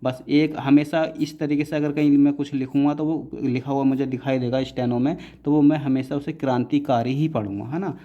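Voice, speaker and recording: A man's voice: mid-range voice, steady tone, fairly quick, few pauses, warm tone, highs cut off. A man teaching shorthand in a patient, repetitive classroom manner, often checking in with his students. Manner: patient, repeats "है ना" often, calls students "बेटा". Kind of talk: classroom lesson explaining writing rules.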